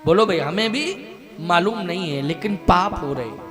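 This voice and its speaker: A man's voice: high-pitched, lively intonation, normal speed. An older man giving a devotional sermon to a live audience. He repeats his phrases and asks the audience questions that he answers himself. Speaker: spiritual teacher giving a scripture discourse. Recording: devotional music playing under the voice.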